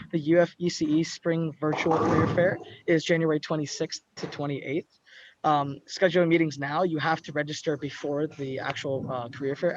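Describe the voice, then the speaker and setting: A student club officer hosts the club's video call, announcing upcoming events loosely and casually with plenty of ums and uhs. His voice is fairly high, and the audio is muffled, with a little hiss or hum.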